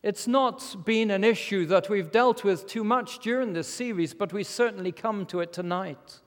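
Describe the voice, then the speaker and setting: Male British preacher, lisping slushy s, high-pitched, solemn and measured, long hall reverb. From Britain. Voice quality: lisp, slushy s. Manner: measured, solemn, rhetorical pauses. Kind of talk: formal expository sermon.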